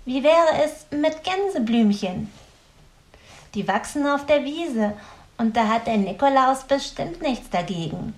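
A woman voicing a cheerful, curious young female helper who talks in a bright, playful way. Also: high-pitched, animated, pitched above the performer's own voice. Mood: amused, playful. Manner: bright, playful, quick to laugh.

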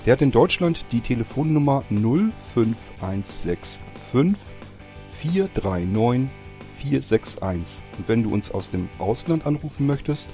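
A man's voice: mid-range voice, dark tone. A man reading a friendly podcast outro with contact details. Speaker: podcast host.

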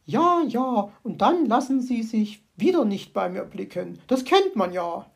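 A woman voicing a prim, touchy female magpie in a storybook audio play, scolding and indignant in a husky, gravelly voice. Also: big pitch swings, unhurried, exaggerated voice. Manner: indignant, scolding, shrill outbursts.

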